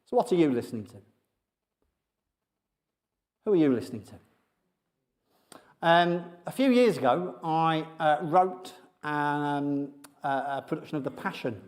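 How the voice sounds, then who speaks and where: Male preacher, slightly high voice, loose conversational sermon, self-deprecating jokes, lots of ums. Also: lively intonation, a little slow, pauses often. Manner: humorous, self-deprecating, many fillers. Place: church sanctuary with congregation.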